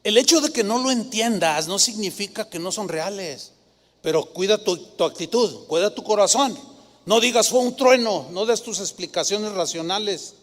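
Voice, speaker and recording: High-voiced pastor preaching. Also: male voice, moderate pace. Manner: lively storytelling with rhetorical questions. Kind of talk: sermon. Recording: long hall reverb.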